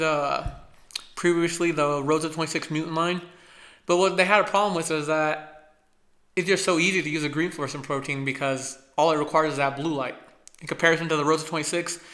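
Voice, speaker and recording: A young man with a lisp that slurs his s sounds, giving an informal, halting research presentation as a student presenter. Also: on the high side, pushed and bright. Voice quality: lisp from braces, slushy s sounds. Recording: echoey room sound.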